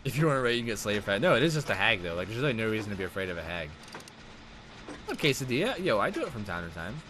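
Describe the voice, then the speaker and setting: A young man giving live-stream gameplay commentary, excitable and profane, swinging from loud outbursts to low mutters. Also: racing, slight background noise. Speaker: streamer playing a survival horror game.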